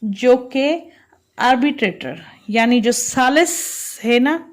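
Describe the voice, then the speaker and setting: A law lecturer speaks haltingly and deliberately, switching between reading aloud and explaining while slipping in English terms. Her voice is fairly high-pitched and animated.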